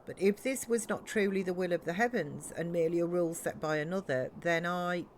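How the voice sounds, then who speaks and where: A woman's voice: on the low side, a little fast, a little hiss or hum, natural voice. A woman voicing an earnest, formal soldier and builder in game dialogue read aloud. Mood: thoughtful. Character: earnest, formal soldier-builder questioning beliefs and rallying allies.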